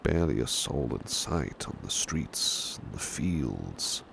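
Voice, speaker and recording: In this ASMR roleplay, a British man uses a very deep, exaggerated voice to portray an estate's devoted, gentle, protective butler. His mood is wistful and calm, and his formal, courteous speech is hushed, hesitant and intimate, with long pauses and drifts into whispers. Clear, steady rain-like noise fills the background.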